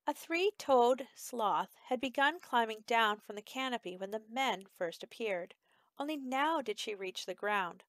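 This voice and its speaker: A woman teacher reading a picture book aloud for her class, expressive and measured. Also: on the high side, no echo. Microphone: close home recording.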